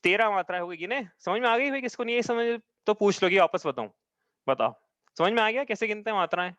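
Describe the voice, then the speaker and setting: Teaching a live class, a man with a higher, animated and slightly bright voice patiently explains every step, often checking that his students keep up, and chants verses slowly. Only the audio from his own mic is heard, dry and dull.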